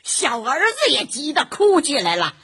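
A woman narrating a children's story in an expressive, animated way. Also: high-pitched. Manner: expressive and animated, slow-paced.

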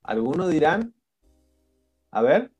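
A man's voice: on the high side, takes it slowly, husky, soft background music. A man with an Argentine accent teaching a live online coaching class, often asking the group questions. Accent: Argentine Spanish. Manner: lively, questioning the class, frequent "¿no?" and "¿sí?". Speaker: coaching instructor. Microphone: video call.

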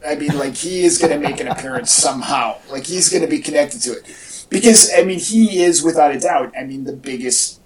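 This podcast co-host has a voice on the high side and talks fairly quickly, gushing and rambling about superhero films in casual fan chat. He's far from the mic, so the home audio comes across echoey.

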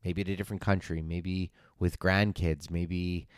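A fitness coach in his forties talks casually on his own solo podcast, his voice very low, smooth and resonant. He's earnest and encouraging but delivers it flatly at normal speed, with plenty of fillers and restarts. The recording is dry and close, with no room sound.

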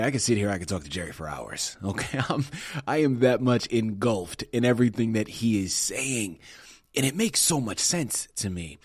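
Male podcast host, low husky voice, emphatic and promotional, dry recording. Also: no room sound. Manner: emphatic, promotional, addresses listeners directly. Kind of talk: enthusiastic interview host.

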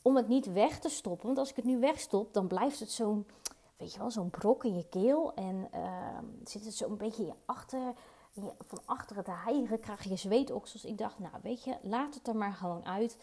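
Mellow-voiced Dutch-speaking woman podcaster. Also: mid-range voice, normal speed. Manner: earnest, personal, with fillers and repeats. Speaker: podcast host. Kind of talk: reflective solo podcast talk. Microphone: podcast mic.

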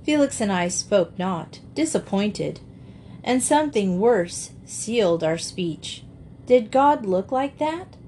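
A woman reads a classic children's storybook aloud at a mid pitch, steady and expressive. Her narration flows evenly between the characters' lines. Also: slow pace, slight background noise. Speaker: audiobook narrator.

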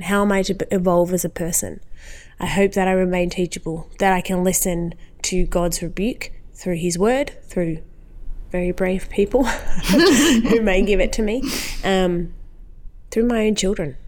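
A woman's voice: fairly low pitch, a little mellow. A woman guest in an interview, talking about her faith in an earnest, heartfelt and rambling way, with many fillers. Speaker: podcast guest.

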